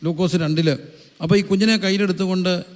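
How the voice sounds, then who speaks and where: A man's voice: sits high, steady tone, fast talker, big-room sound. A man preaching a sermon as a pastor, asking the congregation questions and answering them himself.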